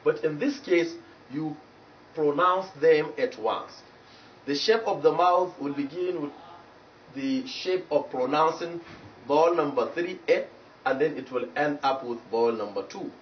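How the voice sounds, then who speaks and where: A man with a Nigerian English accent teaching English pronunciation in a TV lesson, slowly repeating each example word. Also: a little high. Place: TV studio. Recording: roomy echo, distant mic, dull lo-fi sound, faint noise.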